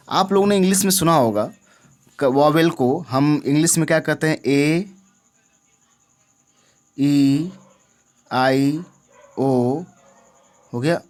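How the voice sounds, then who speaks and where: A man teaching an English grammar lesson, often asking the viewer questions and checking that they understand. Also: fairly high pitch. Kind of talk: classroom-style lesson.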